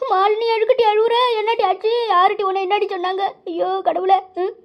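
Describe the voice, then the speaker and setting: A woman's voice: very high-pitched, fairly even intonation, brisk, dull audio. A woman voicing a gossipy village woman who scolds and banters. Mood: bantering.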